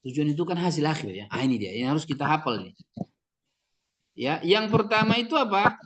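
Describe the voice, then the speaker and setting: A man's voice: on the high side, big pitch swings, brisk, fairly bright tone. A man training teachers in a lecture, explaining step by step and answering his own questions, with Arabic terms in an Indonesian accent. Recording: audience or crowd noise behind.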